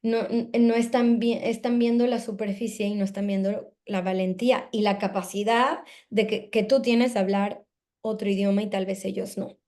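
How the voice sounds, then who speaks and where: A woman's voice: mid-range voice, steady tone, moderate pace, darkish tone. A Mexican woman with a Mexican accent, a guest in a casual interview, talking reflectively with many asides and tag questions. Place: in Spain.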